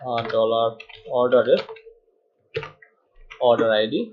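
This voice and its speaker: In this dull, lo-fi screen recording, a programming tutor from Bangladesh works through code, narrating his thoughts while typing and mixing in English terms. He speaks slowly in a level, mid-range voice, with slight background noise audible.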